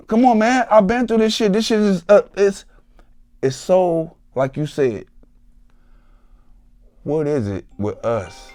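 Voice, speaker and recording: A man's voice: high voice, a little mellow. Emphatic man from Columbus, Ohio. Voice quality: profane, emphatic, preachy. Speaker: podcast guest. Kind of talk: emotional storytelling.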